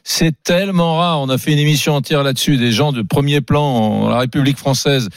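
A man's voice: medium pitch, a little fast, dry recording, studio quality. A male radio talk show host from the South of France, chatting casually with many fillers and restarts. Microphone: studio microphone.

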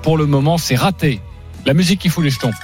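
A man's voice: on the high side, quick pace, soft background music. A man hosting a sports debate show on the radio, introducing the topic and quizzing his panel with self-mocking asides.

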